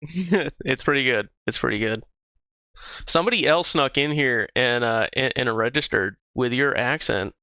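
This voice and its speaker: A man's voice: medium pitch, unhurried, bright, forceful tone, clear, resonant tone, dry recording. A man livestreaming a game, chatting casually with viewers in a loose, profane way. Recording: slightly dull stream audio with music.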